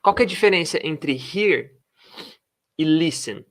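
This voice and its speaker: A man's voice: a little high, animated, fairly bright tone. A man teaching an English lesson, mixing explanations with English words and carefully modeling pronunciation. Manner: switches between Portuguese and English, models pronunciation slowly. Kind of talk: English lesson taught in Portuguese.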